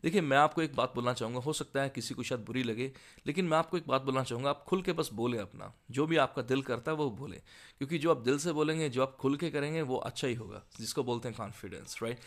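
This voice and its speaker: A man teaching English exam speaking, slowly reading model answers and then explaining them quickly. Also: mid-range voice. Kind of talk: spoken language lesson.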